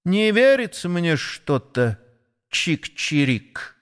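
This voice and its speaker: A chirping, self-important little sparrow , as a male narrator puts him on, spreading gossip in a high, darting voice that leaps all over. A busybody bird in a storybook, smug and fussy. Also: sing-song, takes it slowly, fairly bright tone, clean tone, full character voice. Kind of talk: audiobook character voice.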